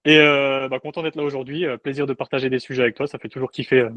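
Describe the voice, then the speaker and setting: A man's voice: medium pitch, flat delivery, fast talker, a bit bright, no echo. A young adult man, a guest coach, chatting in a laid-back, joking way on a podcast. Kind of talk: casual podcast chat.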